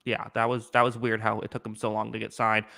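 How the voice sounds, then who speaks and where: Bright-voiced man hosting casual sports talk. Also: lowish voice, monotone, fast talker, creaky. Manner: rambling, many fillers and restarts. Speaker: sports podcast host.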